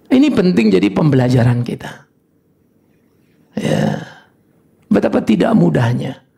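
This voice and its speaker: An older male pastor preaching a sermon, telling stories in an animated way with sudden high exclamations. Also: measured pace, gravelly.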